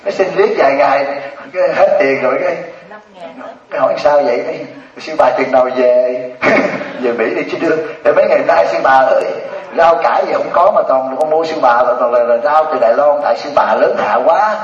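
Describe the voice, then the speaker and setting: Joking older monk, echoey and distant. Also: male voice, medium pitch, a little fast. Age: 70s. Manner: joking, teasing storyteller. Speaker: Buddhist monk teacher. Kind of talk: humorous dharma talk. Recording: distant, echoey, dull lo-fi hall recording. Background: audience laughter.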